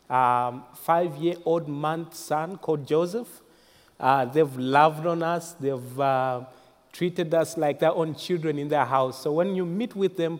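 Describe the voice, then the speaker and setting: A young adult man from Zambia, a guest minister giving a formal, measured prayer and personal testimony. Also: on the high side. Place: church hall. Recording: reverberant hall.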